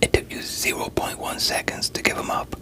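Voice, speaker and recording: A performer voices a veteran police interrogator in a whispered role-play, talking fairly quickly in a near-everyday voice. The character doubts the suspect and pushes him in a streetwise way, alternately coaxing and pressuring, and the feel is sceptical and pressing.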